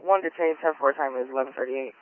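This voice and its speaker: A man working as a police dispatcher, calling units over the radio in brisk, clipped codes. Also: medium pitch, no room sound. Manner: clipped, brisk code calls. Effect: police radio transmission. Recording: tinny narrowband police radio.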